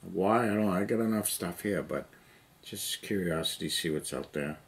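A deep-voiced middle-aged man, speaking at normal speed, paints miniatures in his cluttered basement hobby room while rambling casually to a nearby tabletop camera. This hobby vlogger leans heavily on "you know."

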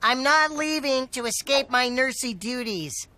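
A woman's voice: high-pitched, a little slow, sharp tone, a little hiss or hum. A woman voicing a cheerful, laid-back teenage boy hero. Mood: breezy. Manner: breezy, upbeat.

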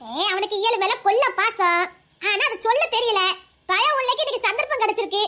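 A woman acting out family members in a home-made drama, with lively teasing banter. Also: extremely high pitch, fairly quick. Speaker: voice actor playing family members.

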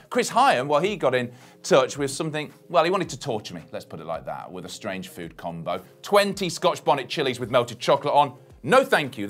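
A man's voice: medium pitch, fairly bright tone. A man hosting a cycling show's food-review segment, cheeky and mock-dramatic in how he talks. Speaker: show host.

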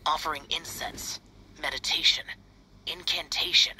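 A man's voice: fairly high pitch, steady tone, normal speed, sharp tone, a little hiss or hum, rough recording. A man voicing a stern, brooding, youthful immortal demon slayer in a video game, with grave, formal, clipped delivery. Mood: stern, instructive. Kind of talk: scripted game dialogue.

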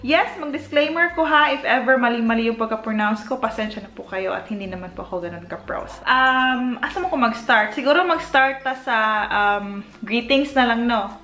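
A woman's voice: fairly high pitch, moderate pace, few pauses, pushed and bright, roomy sound. A woman with a Filipino accent, chatty and casual, teaching basic words at home with many fillers and restarts. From Philippines. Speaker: vlogger. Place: home in the Netherlands.

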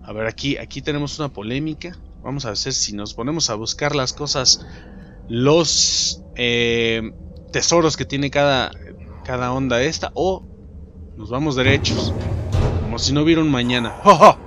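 A young man with a Mexican accent, giving loud, profane let's-play commentary and shouting at enemies. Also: medium pitch, moderate pace, highs cut off, a little hiss or hum. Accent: Mexican Spanish. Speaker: gaming YouTuber. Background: game music.

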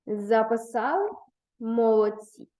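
A woman with a fairly high voice teaches young children at an unhurried, deliberate pace. She is patient and encouraging, praising answers and guiding pupils step by step. The recording carries a roomy echo. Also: expressive, mellow. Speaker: primary school teacher. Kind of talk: online lesson for third graders.

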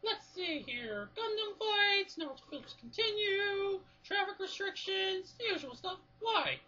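A woman doing a squeaky, excitable schoolgirl. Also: measured pace, exaggerated voice. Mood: chirpy. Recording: dull lo-fi sound.

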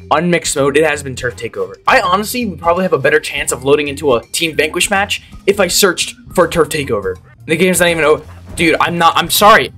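A young man giving gameplay commentary as a channel host, ranting in exasperation and bursting into loud disbelief. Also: on the high side.

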